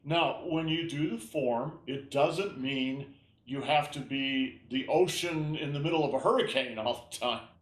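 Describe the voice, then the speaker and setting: A man teaching an online tai chi class, explaining gently and often checking in with "all right?". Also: mid-range voice, a little slow. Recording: roomy echo.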